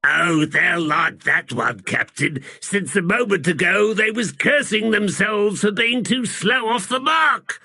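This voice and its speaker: A man voicing a gruff, blunt sailor serving as first mate, with rough folksy speech. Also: high-pitched, lively intonation, takes it slowly, hardly any pauses, sharp tone, dry recording, voice pushed up, exaggerated voice.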